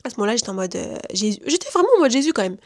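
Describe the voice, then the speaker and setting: Here a young woman from France tells a personal story in a loose, slangy way and keeps slipping into quoted voices. Her voice sits a little high for a woman, and she keeps a casual, chatty flow. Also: big pitch swings, very fast. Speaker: vlogger giving testimony.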